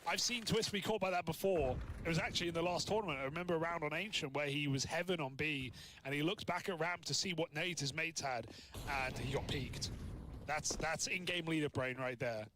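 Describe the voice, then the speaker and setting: A man hosting an esports watch party, chatting quickly and analytically about the match. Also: on the high side, a bit bright, a little hiss or hum. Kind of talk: casual esports commentary. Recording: stream audio with crowd behind.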